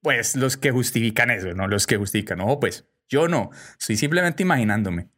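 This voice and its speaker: A young Colombian man hosts a loose commentary show in an easy, conversational way. His voice sits at an ordinary middle pitch. He keeps checking in with his listeners as he talks. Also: expressive, fairly quick, fairly bright tone. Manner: chatty, peppers speech with "pues" and "¿cierto?". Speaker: host. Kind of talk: casual commentary monologue.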